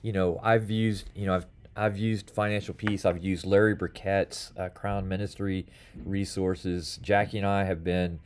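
A pastor in his fifties gives casual church announcements from a small office with a bookshelf and blinds, filmed close up by a webcam or phone on his desk. His low-pitched voice holds a level tone at a moderate pace as he rambles, full of fillers and restarts. Slight background noise is present.

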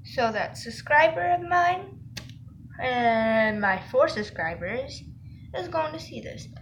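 A woman's voice: high-pitched, expressive, slow pace, a bit bright, dull audio, a little hiss or hum. A woman vlogging in a rambling, giggly way, chatting casually to camera and correcting herself as she goes.

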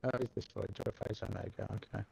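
A man's voice: fairly low pitch, fairly even intonation, fast talker, creaky, warm tone, slightly rough, poor audio. A man playing a game with a friend who answers in short, laid-back replies. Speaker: co-player. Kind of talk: casual gaming chat. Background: game music.

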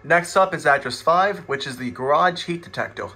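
A man's voice: fairly high pitch, normal speed. A man giving a casual, technical walkthrough in a matter-of-fact way, recorded on a handheld phone around a home garage. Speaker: hobbyist demonstrator. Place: home garage and adjoining rooms, handheld camera.

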